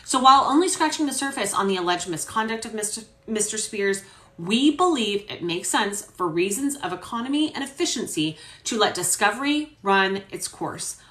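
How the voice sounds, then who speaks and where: A woman's voice: medium pitch, expressive, sharp tone. A woman reading as a formal male attorney. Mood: earnest. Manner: formal, measured legal argument. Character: male attorney making formal courtroom argument. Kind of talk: dramatic reading of a court transcript. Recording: roomy echo.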